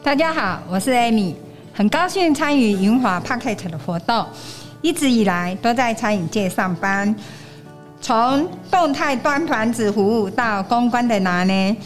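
A woman's voice: on the high side, animated, a little slow, soft background music. A woman pleasantly introducing herself.

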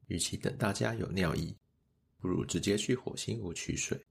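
Deep husky guy reading a kids story, calm and steady. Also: moderate pace. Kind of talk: children's story narration.

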